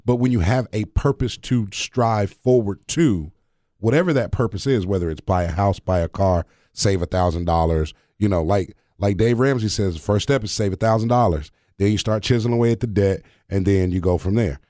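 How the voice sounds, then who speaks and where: Low-voiced man chatting on a podcast. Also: moderate pace, warm tone, no room sound, clean studio sound. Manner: conversational, storytelling, quotes scripture. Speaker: podcast co-host.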